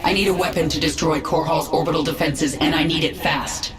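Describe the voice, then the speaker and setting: A woman's voice: sits low, steady tone, a little fast, close to an everyday voice. Woman as a vengeful alien queen, echoing. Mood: commanding. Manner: intense, imperious, menacing. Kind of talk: video game voice acting. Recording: echoey and distant, loud music.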